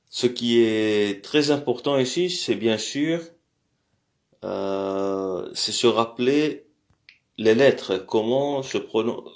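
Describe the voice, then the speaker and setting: A man giving a language lesson, speaking haltingly with many pauses and fillers and slowly repeating words for pronunciation. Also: fairly low pitch, reverberant. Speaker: language teacher. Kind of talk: slow spoken lesson.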